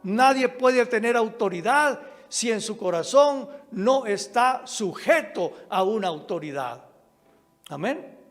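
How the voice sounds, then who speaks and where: A pastor in a high register delivers a deliberate, unhurried sermon, dropping in amens and repeating words for emphasis. His voice rings through a reverberant sanctuary at a live-streamed service, with soft music faintly underneath. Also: lively intonation.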